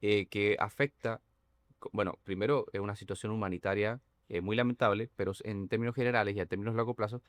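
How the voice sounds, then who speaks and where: A man who is a guest on a political talk show, explaining communication strategy in a measured, analytical way with frequent hesitations. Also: lowish voice, fairly even intonation, no echo. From not Dominican, living in the Dominican Republic for years.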